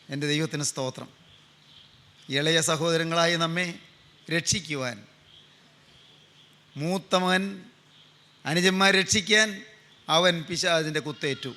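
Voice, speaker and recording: A man's voice: on the high side, pushed and bright. An older man preaching a sermon with a Malayali accent, telling a story fervently and repeating phrases in a pleading way.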